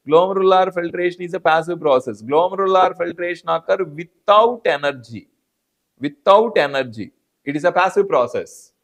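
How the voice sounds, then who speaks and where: A man with an Indian English accent teaching a live online biology class, repeating answers and calling on students by name. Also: high voice. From South India. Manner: repetitive, addresses students by name.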